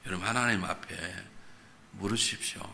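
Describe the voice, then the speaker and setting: A male pastor delivers a revival sermon in a church, his voice gravelly and bright with a forceful edge. He speaks straight to his congregation and pushes them with rhetorical questions. He acts out everyday conversations with animated emphasis. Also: fairly low pitch, fairly quick, a little hiss or hum.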